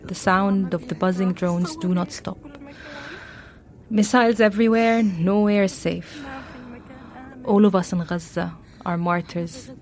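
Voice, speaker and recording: A woman reading a translated first-person account as a voice-over, calmly and plainly. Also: on the low side, measured pace, long pauses, noisy background.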